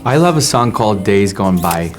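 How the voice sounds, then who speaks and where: A man's voice: on the low side, sing-song, moderate pace, soft background music. A man, a band member joking around in a casual backstage interview. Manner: playful and jokey. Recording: clear background noise.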